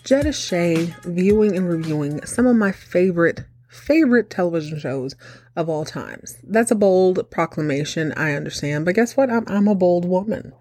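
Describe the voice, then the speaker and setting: A woman with a lowish voice hosts a recap show in a chatty, casual way. Her delivery is campy and sassy, full of theatrical show-host flourish. The room adds some echo, with faint music. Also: animated, moderate pace, a little mellow.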